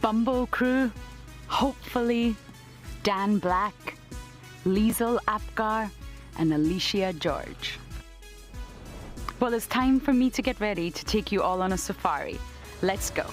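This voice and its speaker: A woman's voice: medium pitch, unhurried, pauses often, faint music behind. A woman working as a safari guide, presenting to an audience. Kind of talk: presenting to camera. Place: outdoors in remote African bush.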